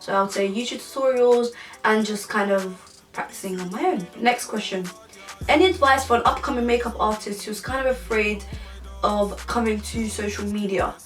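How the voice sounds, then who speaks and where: Recorded from a distance, a medium-pitched English YouTuber in her twenties casually chats through a vlog Q&A, meandering and restarting again and again. The room echoes, her voice is a bit off-mic, and music plays in the background.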